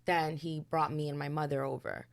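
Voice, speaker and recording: A woman in her thirties from the Dominican Republic, raised in the US, chatting casually as a podcast guest, animated and quick to laugh. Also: low voice, vocal fry. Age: 30s. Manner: animated, laughs often, emphatic. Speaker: guest poet. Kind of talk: casual chat.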